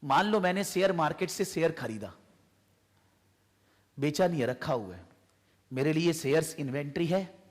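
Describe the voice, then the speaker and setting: A man's voice: a little high, expressive, normal speed, pauses often, big-room sound. A man with an Indian accent teaches accounting in a tuition classroom, explaining through repeated examples and questions. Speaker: accounting tutor. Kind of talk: classroom lecture.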